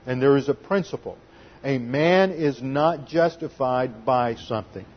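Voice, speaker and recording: Husky-voiced man teaching a sermon. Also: mid-range voice, lo-fi sound. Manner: deliberate teaching tone, stresses and slows key words. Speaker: pastor. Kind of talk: expository Bible teaching sermon.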